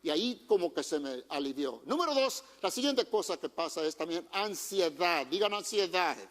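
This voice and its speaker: A male pastor with a high, light, slightly bright voice gives a bilingual sermon at normal speed, his pitch swinging widely. He stays conversational, putting questions to the congregation and mixing in English phrases, while long reverb fills the church auditorium.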